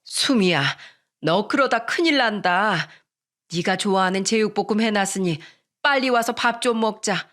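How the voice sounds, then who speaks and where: A woman voicing a stubborn, dramatic middle-aged mother in a radio story, scolding and wailing in a drawn-out way. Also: medium pitch, a bit bright, close to an everyday voice. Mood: pleading. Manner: exasperated wailing, drawn-out complaints.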